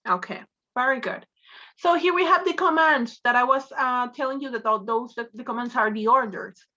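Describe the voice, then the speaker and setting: A woman's voice: a little high, moderate pace, sharp tone, muffled recording. A woman English teacher giving an online class, encouraging and prompting her students with repeated questions.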